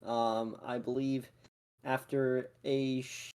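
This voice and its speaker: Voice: mid-range voice, flat delivery, slow pace, darkish tone, smooth. An esports analyst giving casual pre-match commentary at the desk.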